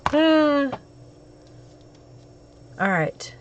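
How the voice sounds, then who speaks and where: Hosting a crafting live stream, a woman chats with viewers while she works, her high-pitched voice crackly and hoarse from a cold. The recording has its highs cut off.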